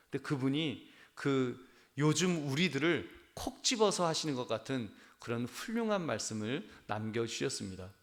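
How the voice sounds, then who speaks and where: A man, a pastor, delivering an earnest sermon, often turning to the congregation with direct appeals and building to emphatic, animated peaks. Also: mid-range voice.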